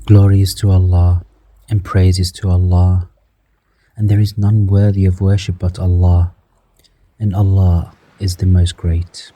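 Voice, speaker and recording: A low-voiced man guides a breathing meditation, speaking slowly, softly and with flat delivery. He counts the breaths aloud, dropping some counts to a whisper.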